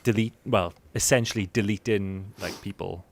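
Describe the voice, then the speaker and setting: A man co-hosting a casual podcast, talking haltingly with lots of fillers. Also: on the low side, fairly even intonation. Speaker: podcast co-host. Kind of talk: casual chat.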